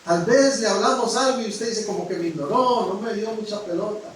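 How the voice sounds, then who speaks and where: High-voiced preacher in an echoey hall. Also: male voice, a little fast, a little hiss or hum. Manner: preaching with rising exclamations and sudden drops to a hush; frank, addresses the congregation directly. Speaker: pastor. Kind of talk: sermon. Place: church hall. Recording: echoey hall, mic at a distance.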